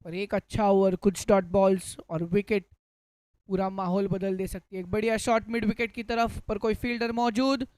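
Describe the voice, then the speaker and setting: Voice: mid-range voice, little pitch movement, normal speed, a little mellow, smooth, no echo, poor audio. A Hindi cricket commentator calling play ball by ball, mixing in English cricket terms.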